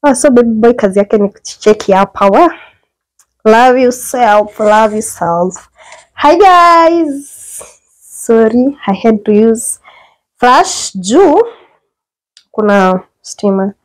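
A young Kenyan-accented woman with a fairly high voice gives a casual house tour of her small apartment, filming on her phone as she walks. She chats with lively exclamations, mixing English and Swahili slang, and the rough recording carries ordinary indoor room sound.

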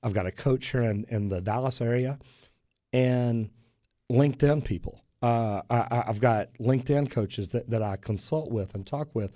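A man's medium-pitched voice, at normal speed, tells stories in casual conversation on a radio talk show, where he's a guest who works as a plumber. He's lively in his storytelling and gestures while speaking. Recorded indoors in a radio studio on a boom mic with headphones, the audio is studio quality with no room sound.

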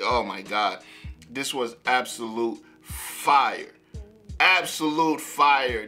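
A man hosting a music reaction video, talking in an excitable, slangy way and often repeating himself. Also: mid-range voice. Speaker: music reaction channel host. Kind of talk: casual reaction commentary.

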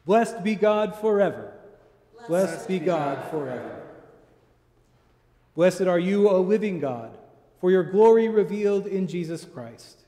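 A high, mellow male voice recites the liturgy in a steady, solemn cadence. Each phrase rolls out into a cathedral echo with a long reverb tail, as if he stands at the altar of a large church. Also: measured pace, pauses often. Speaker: presiding minister. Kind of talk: leading a eucharistic liturgy.

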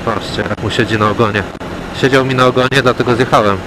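Man, motorcycle vlogger, relaxed casual chat, wry, mid pitch, helmet mic, loud road noise. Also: fast. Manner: relaxed, chatty, wry remarks on traffic. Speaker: motovlogger. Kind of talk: casual commentary while riding. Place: riding a motorcycle on city roads outdoors. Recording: clear road and engine noise. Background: road and traffic noise.

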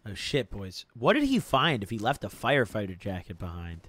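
A young man's lowish, somewhat bright voice swoops wildly in pitch as he talks fairly quickly on a gaming stream. It's casual frat-bro chatter with free swearing and plenty of "bro," "dude," and "boys."

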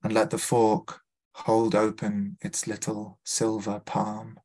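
At a literary festival, a Scouse poet from Liverpool, England reads his work aloud in a measured, deliberate way, introducing each poem with a few hesitant fillers. His voice is fairly low, monotone, and a little mellow.

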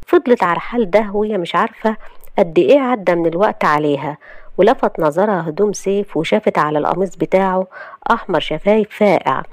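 A woman with an Egyptian accent telling a romance story in steady, dramatic scripted narration. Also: lowish voice, dry recording, clean studio sound.

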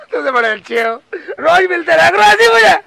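A man's voice: extremely high pitch, sing-song, a little fast, gravelly, sharp tone, no room sound, full character voice. An actor playing Shekhchilli, a foolish bumbling village man who pleads and wails in a whiny, theatrical way, in a comic sketch.

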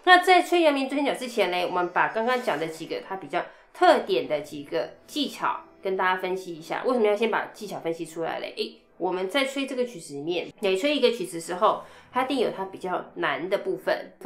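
A woman's voice: on the low side, sing-song, brisk, few pauses. A woman teaching flute technique in a chatty way, breaking down each passage and singing rhythm syllables, with a Taiwanese Mandarin accent. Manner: chatty, explains step by step with sung rhythm syllables. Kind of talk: instrument technique lesson. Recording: echoey room, faint music.

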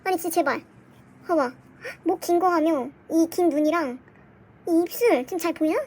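A young woman vlogging an unboxing at home, gushing excitedly with gasps and squeals. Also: extremely high pitch, moderate pace. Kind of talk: casual unboxing chat. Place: home room, dim lighting.

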